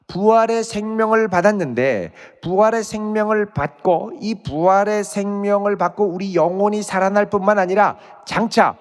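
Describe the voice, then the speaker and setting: A male pastor giving an expository sermon, reading scripture aloud and explaining it verse by verse. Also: high voice. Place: church sanctuary. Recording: church sanctuary with long reverb.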